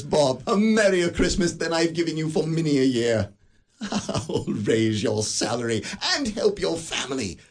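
An actor playing Scrooge, an elderly miser turned giddy and generous, laughing and lively in a radio play. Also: male voice, on the high side, breathy edge, exaggerated voice. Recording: studio radio drama with faint music.

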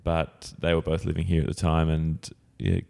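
A man's voice: very deep voice, fairly even intonation, normal speed, creaky, dark tone. An Australian man talking casually as a guest in an interview. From Sydney, Australia. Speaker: improv actor, podcast guest. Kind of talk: casual chat. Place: improv theatre performing room.

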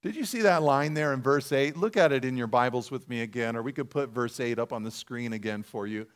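A man's voice: medium pitch, a little fast, clean tone. A male pastor preaching a sermon to his congregation, talking in a conversational way and putting rhetorical questions to them. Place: church sanctuary.

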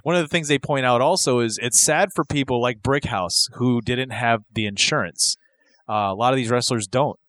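Guy cohosting a podcast, casual rambly chat, mid pitch, dry close mic. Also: moderate pace, a bit bright, dry recording. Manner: rambling, restarts and fillers. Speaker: podcast co-host. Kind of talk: casual chat about wrestling news.

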